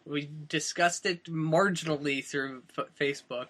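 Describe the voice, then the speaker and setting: A man's voice: fairly high pitch, fairly even intonation, measured pace, a bit bright. A man in his twenties co-hosting a casual podcast in a friend's house, rambling with plenty of fillers and restarts. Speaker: podcast co-host. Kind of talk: casual chat.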